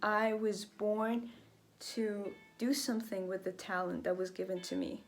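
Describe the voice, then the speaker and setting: A woman's voice: mid-range voice, steady tone, a little slow. A young woman vlogging in a casual, rambling way, full of fillers as she thinks aloud. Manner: chatty, rambling, lots of fillers. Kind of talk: casual reflective vlog. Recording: faint jazz music behind. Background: faint jazz music.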